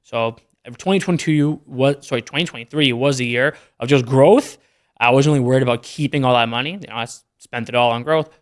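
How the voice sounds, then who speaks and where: Chatting casually as an interview guest on a podcast, a young entrepreneur from Canada reels off figures about his business in a matter-of-fact way. He speaks briskly in a medium-pitched voice.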